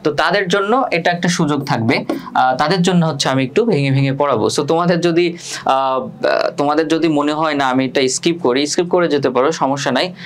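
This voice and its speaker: A man with a Bangladeshi Bengali accent, teaching a passage in an online lesson. He reads English words slowly and often checks in with a questioning tag. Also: on the high side, a little hiss or hum. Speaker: English tutor.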